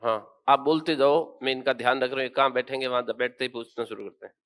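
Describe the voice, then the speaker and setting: A man's voice: mid-range voice, fairly even intonation, fast, a bit bright, smooth. A male teacher giving a geography lesson in a classroom, quizzing students and then explaining points firmly.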